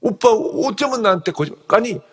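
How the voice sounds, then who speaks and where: A man's voice: sits high, animated, a little fast, husky, in a large hall, voice pushed up, full character voice. A man voicing a coy, scheming young woman who pleads and whines in a raised voice. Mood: wheedling.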